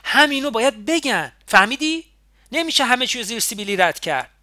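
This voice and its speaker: A man's voice: high-pitched, expressive, voice pushed up. A man voicing an earnest, hot-headed young man. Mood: insistent. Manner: urgent and insistent, rising to loud protest.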